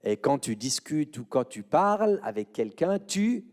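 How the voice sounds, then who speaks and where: A man's voice: a little high, sing-song, a little slow, a little mellow. A man with a French accent presenting a church children's show, playfully coaxing answers from the audience in a quiz. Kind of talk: leading an interactive quiz with an audience.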